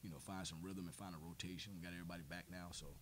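After the game, a forties-aged head coach responds to reporters in a press room through a table mic on a stand. His low voice stays level, his answers measured and full of fillers and repetitions, with slight background noise.

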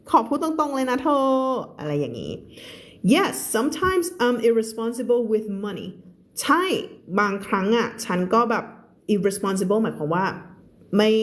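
A woman teaching English on a live stream with a Thai accent. She reads English lines slowly and explains them quickly, laughing often. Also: medium pitch. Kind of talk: live-streamed reading lesson.

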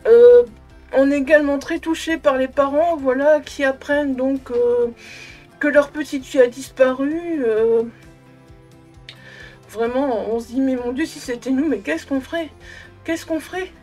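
A young woman giving a casual, effusive book review to camera at home, in a halting way that often repeats words. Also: high voice, dark tone, faint music behind. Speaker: book vlogger. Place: small room at home with bookshelves.

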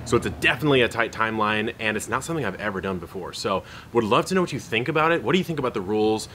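A man's voice: fairly low pitch, animated, very fast, a bit bright. Chatty man touring his garden outdoors. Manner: chatty, upbeat, talks straight to camera. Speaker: gardening channel host. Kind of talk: casual garden tour vlog. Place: outdoor front and side yard garden by a street, then a garden shed. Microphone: handheld camera close to face. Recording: outdoor street noise audible.

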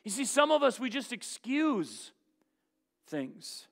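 A man preaching a sermon to his congregation as pastor. He asks rhetorical questions and swings between loud emphasis and hushed asides. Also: very high-pitched, very animated, slow pace. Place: church.

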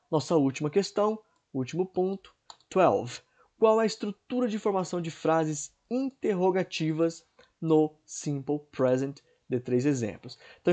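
A man's voice: fairly high pitch, mellow. A man teaching an English grammar lesson to students online, explaining step by step and checking in often with "right?". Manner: explanatory, repeats checks like "certo?" and "né?"; clears throat now and then.

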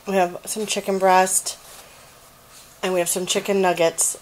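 A woman's voice: mid-range voice, level tone, a little slow, low-quality recording. A middle-aged woman chatting casually through a grocery haul in her home kitchen, listing items with fillers as she goes, filmed on a handheld phone. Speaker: vlogger. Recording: plastic bags crinkling in the background.

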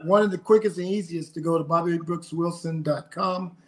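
A middle-aged singer from South Carolina joins a casual interview as a guest, speaking earnestly over a video call from a room in his home. His voice is fairly high and brisk, and he often repeats words while gathering his thoughts.

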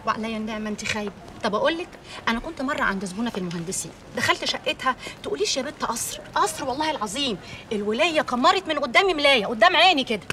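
A woman's voice: a little high, lively intonation, rapid-fire, bright, forceful tone. An actress with an Egyptian accent playing a streetwise, bossy, teasing saleswoman in a TV drama. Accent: Egyptian Arabic. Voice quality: brash, teasing. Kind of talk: TV drama acting. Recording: distant mic with faint background noise.

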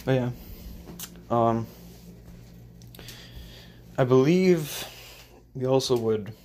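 A man's voice: medium pitch, extremely slow, a little mellow, a little hiss or hum. A young man rambling crudely in a casual home vlog while he cooks in his kitchen, swearing often and mumbling offhand. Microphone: phone camera held and moved around.

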